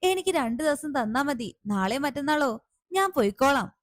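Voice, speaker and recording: A patient young woman in a retold family drama, as a woman narrator plays her, speaking in a calm, gently firm tone. Her voice is high and dry, recorded close. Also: normal speed, no room sound. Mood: pleading. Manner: calm, gently reasoning and pleading. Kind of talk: serial recap with acted dialogue.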